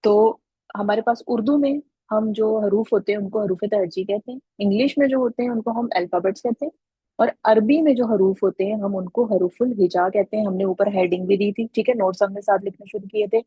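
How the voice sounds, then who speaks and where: A woman's voice: medium pitch, brisk, mellow, slightly rough, dry recording, poor audio. A woman teaching an Arabic grammar lesson online over a video call, patiently calling on students by name.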